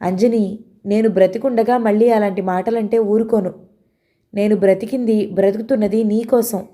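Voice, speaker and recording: A woman's voice: medium pitch, fairly even intonation, moderate pace, dark tone, close to an everyday voice. A woman doing a devoted earnest father. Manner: earnest, emotional. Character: gentle, devoted older husband and father.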